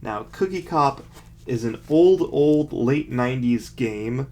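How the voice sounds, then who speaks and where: A man's voice: medium pitch, expressive, slow pace, dark tone. A young adult man casually reading aloud and commenting in a mocking, self-deprecating way, with dry, sarcastic asides. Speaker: vlogger.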